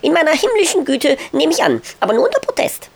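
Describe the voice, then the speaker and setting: A man's voice: very high voice, wildly swooping pitch, fast, vocal fry, slight background noise, voice pushed up, full character voice. A man voicing a small, cheeky angel boy who sounds sweet, innocent and sly. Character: cheeky little male child angel.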